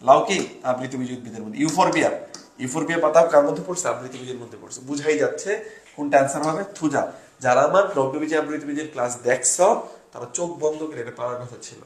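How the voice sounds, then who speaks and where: A man's voice: mid-range voice, quick pace. Echoey young man tutoring live. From Bangladesh. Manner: quizzing students, joking mnemonics, colloquial. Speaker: admission test tutor. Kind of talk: live online class.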